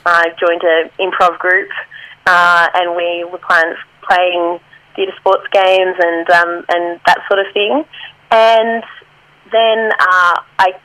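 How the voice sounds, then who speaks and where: A woman's voice: on the low side, flat delivery, takes it slowly, bright, forceful tone, no room sound, rough recording. A woman, an improv performer, chatting in a friendly way as an interview guest and laughing easily. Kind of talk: casual interview chat.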